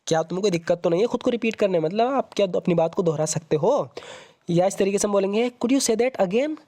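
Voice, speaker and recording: Man slowly explaining English phrases. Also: high-pitched, mellow. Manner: repeats English sentences slowly, then translates. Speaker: English teacher. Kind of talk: explaining movie lines in Hindi.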